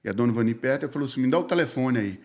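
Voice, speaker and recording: A man, a pastor telling his life story in a casual, slangy, animated way and acting out the dialogue. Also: mid-range voice, rapid-fire. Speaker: pastor, podcast guest.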